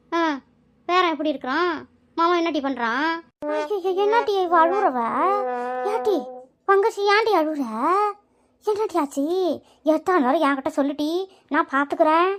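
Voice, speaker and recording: A meddling elderly village woman, acted by a woman in a cartoon, with a squeaky, very high voice. She pries, bosses and gossips, always ready to order others about. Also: fairly bright tone. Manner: nosy, bossy, teasing. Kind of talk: cartoon voice acting.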